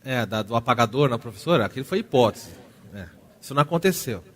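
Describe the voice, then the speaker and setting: Emphatic Brazilian pastor preaching. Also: male voice, mid-range voice, lively intonation, fast talker. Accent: Brazilian Portuguese. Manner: emphatic preacher who acts out quoted family scenes and shifts between loud and soft. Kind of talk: sermon. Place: church.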